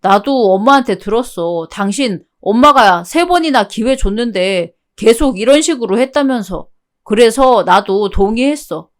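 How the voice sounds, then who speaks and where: A woman's voice: fairly high pitch, expressive, moderate pace, lightly acted. A woman voicing a stubborn young husband who pushes and blames, siding with his mother in a radio drama. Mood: cold. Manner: pushy, blaming. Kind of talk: Korean radio drama dialogue.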